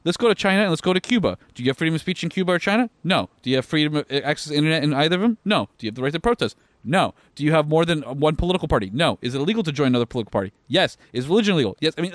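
A man's voice: on the high side, no echo, clean studio sound. A tired young man co-hosting a podcast, ranting in casual chat with lots of swearing and fillers. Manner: profane, rapid rants with frequent fillers. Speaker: podcast co-host.

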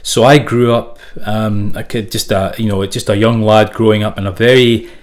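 A middle-aged man from South Africa and Zimbabwe, speaking as an interview guest in a halting way with many restarts and repeated words. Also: fairly low pitch, steady tone. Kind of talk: candid interview talk.

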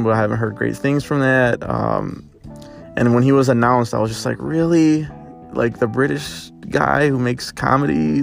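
Flat, low-voiced young man reviewing films. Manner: hesitant, many filler words and restarts. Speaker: movie reviewer. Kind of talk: casual spoken film review.

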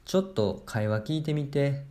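A man with a Kansai Japanese accent hosting a language-lesson podcast. He explains things deliberately and repeats them in careful English. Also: mid-range voice, animated, dark tone. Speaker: podcast host and language teacher.

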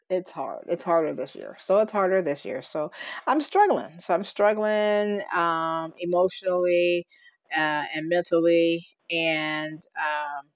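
A woman's voice: lowish voice, no echo. A tired middle-aged woman venting in a casual personal vlog, rambling with sighs and laughs. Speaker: vlogger.

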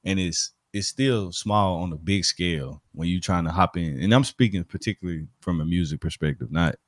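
With a deep voice and a fairly quick pace, a Southern-accented man from Alabama, United States, holds a casual conversational discussion as a DJ with a studio and podcast speaker. He leans on slang and often makes sure the listener is keeping up. The audio is studio quality with no echo.

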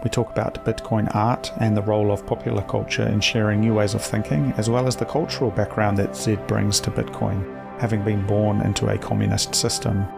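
Low gravelly male podcast host. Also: a little fast, hardly any pauses, over music. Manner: relaxed, loose, swears casually. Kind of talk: casual conversational interview.

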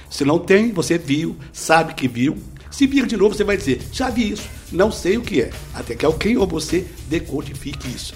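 Animated man explaining eagerly. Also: high voice. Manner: lively, didactic, full of examples. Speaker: speed-reading teacher, guest. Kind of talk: explanatory interview answers.

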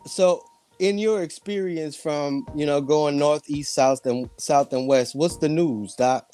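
A man hosting a casual interview, speaking haltingly and repeating phrases for emphasis. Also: fairly high pitch, warm tone, faint music behind. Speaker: interview host.

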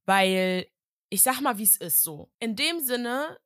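A young woman co-hosting a casual podcast, talking in blunt, slangy bursts as she argues her take. Her voice is bright and a little tense. The sound is dry, with no room around it. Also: a little high, takes it slowly, dry recording. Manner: blunt, slangy, animated opinions. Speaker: podcast co-host. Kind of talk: casual chat.

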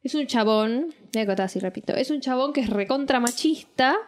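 A young woman with a Rioplatense accent, telling a story in slangy, animated casual chat. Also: a little high, brisk, slight background noise. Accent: Rioplatense Spanish.

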